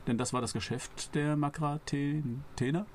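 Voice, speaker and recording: A man co-hosting a casual book discussion, explaining plot points in halting, restarting phrases. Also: on the high side, fairly even intonation, slight background noise. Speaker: podcast co-host.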